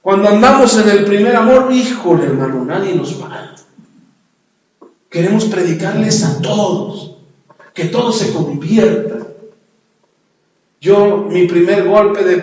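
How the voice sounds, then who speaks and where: A man's voice: a little high, a little mellow. A man preaching a sermon and telling his own testimony, emphatic and calling out to the congregation. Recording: echoey, dull hall sound from far off.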